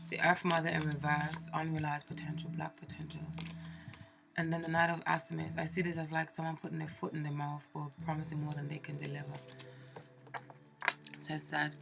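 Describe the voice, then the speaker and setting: A tarot reader with a cold sounds stuffed up as she gives a casual, chatty reading full of fillers and restarts. Her low, creaky voice stays level at normal speed, with long pauses and music in the background.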